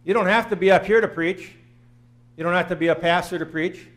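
A man's voice: high-pitched, brisk, fairly bright tone. A man in his fifties preaching a sermon in a small church, earnest and plain-spoken, repeating phrases for emphasis. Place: small church sanctuary, in front of the altar.

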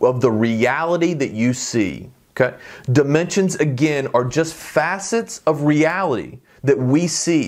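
A man with a mid-range voice preaches a sermon in a conversational teaching style, often checking in with listeners and reading scripture aloud quickly.

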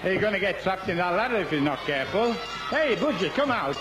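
Over music, a man with a Yorkshire accent and a high, sing-song voice commentates a little fast on an outdoor game show, cheeky and jokey, bantering and chuckling. The park event is noisy with a crowd and background sound.

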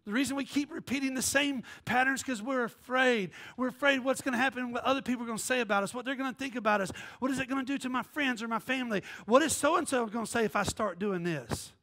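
A man preaching a fiery sermon as pastor in a church, shouting and whooping with the congregation. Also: very high-pitched, fast, few pauses. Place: church sanctuary.

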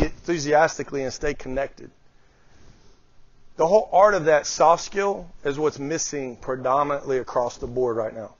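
A man's voice: a little high, dry recording. A middle-aged man speaking as a guest speaker, giving a motivational talk on leadership and often putting questions to his audience. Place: small room before a live group. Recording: dull lo-fi, dry sound.

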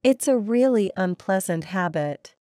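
A woman reading short English practice sentences aloud in a plain, deliberate way. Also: mid-range voice, animated, warm tone, no room sound, studio quality.

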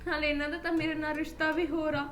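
A woman's voice: high voice, level tone, fast talker, reverberant, soft background music. An actress playing a lonely young wife who plaintively voices her hurt in a family drama. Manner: plaintive, complaining softly.

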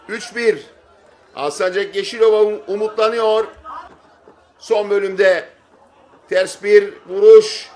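A man giving excited football play-by-play in clipped short phrases, shouting and stretching out his calls at big moments. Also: high voice. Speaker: football match commentator. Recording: stadium crowd noise behind voice. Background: football crowd.

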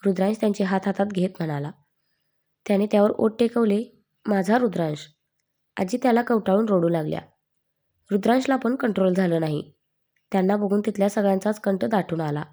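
A woman storyteller reading a scripted family story aloud. Her voice is mellow and dark, calm and measured, steady from line to line. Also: mid-range voice.

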